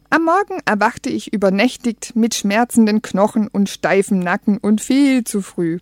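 A woman's voice: medium pitch, a little mellow, dry recording. A woman reading a humorous first-person story aloud as an audiobook, with a wry, dry comic delivery. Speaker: audiobook reader.

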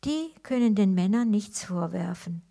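A woman's voice: mid-range voice, animated, unhurried, gravelly, dark tone. A woman reading aloud, voicing an uneasy male prior who advises caution.

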